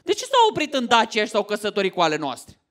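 A man in his thirties from Romania doing a stand-up comedy set on stage, loud and animated, often shouting punchlines. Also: sits high. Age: 30s. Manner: loud, animated, swings into mock voices and shouts. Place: theater stage before a laughing audience.

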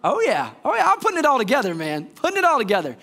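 The speaker is an assistant pastor in his thirties from Georgia, preaching with energy on a church stage before a screen. He gestures widely, enthusiastically asks the congregation questions, and talks at a racing pace in a very high voice.

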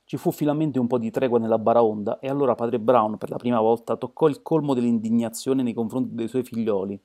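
A man reading an amateur audiobook in a steady, measured way. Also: medium pitch. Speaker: audiobook narrator.

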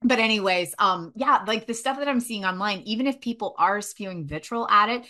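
A woman's voice: medium pitch, a little fast, bright, forceful tone. A woman co-hosting a horror film podcast, chatting enthusiastically and swearing casually, with a slight cough. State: coughing from a cold. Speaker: podcast co-host.

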